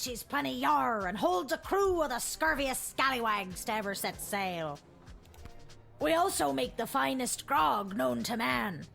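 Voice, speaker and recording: An actress voicing a swaggering woman pirate captain in a video game, with a stage pirate accent and gruff, hearty sea-dog talk. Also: high-pitched, fairly bright tone, exaggerated voice. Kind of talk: video game character acting.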